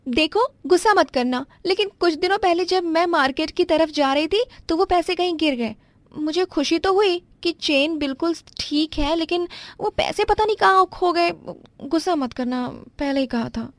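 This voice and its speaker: A woman voicing a scheming young wife who lies and stammers out excuses in a high voice. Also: normal speed, no room sound. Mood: pleading. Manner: high, pleading, fibbing with stammers.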